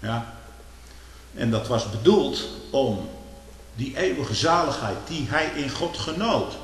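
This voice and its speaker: A man preaching a sermon, swinging from hushed, low passages to loud, drawn-out declaiming and pleading questions. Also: expressive, soft background music. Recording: echoey hall with faint hiss.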